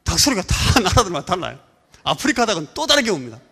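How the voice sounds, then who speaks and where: A Korean man preaching as pastor, telling an animated story and mimicking rooster crows and voices. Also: sits high, fast talker, husky. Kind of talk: sermon. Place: church sanctuary. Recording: church hall reverb.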